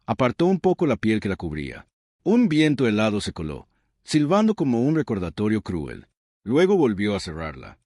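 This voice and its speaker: A man's voice: fairly low pitch, huge pitch swings, normal speed, darkish tone, no room sound, clean studio sound. A man narrating a dramatic story in a solemn, scripted storytelling style.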